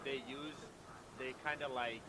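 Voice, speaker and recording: A man's voice: medium pitch, fairly even intonation, a little slow. A man from Brazil, answering questions on a street hesitantly, searching for his words. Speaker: passerby being interviewed. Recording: loud street crowd and traffic behind.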